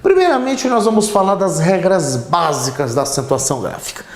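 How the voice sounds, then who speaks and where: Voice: medium pitch, expressive, normal speed. A teacher explaining grammar at a whiteboard, often checking in with "né?" and drawing words out while writing. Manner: explanatory, frequent "né?" tag questions, stretches words when writing. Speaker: Portuguese teacher. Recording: echoey room.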